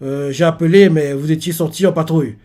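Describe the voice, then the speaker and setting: A man's voice: on the high side, steady tone, fairly quick, warm tone, natural voice. A man voicing a sly older man spinning a formal excuse while reading a manga aloud. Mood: smooth. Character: sly older man, smooth talking liar.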